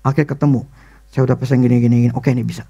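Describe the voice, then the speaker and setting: A male pastor, preaching a sermon and telling a personal story in animated, excited bursts. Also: mid-range voice, very fast, creaky, husky, lo-fi sound.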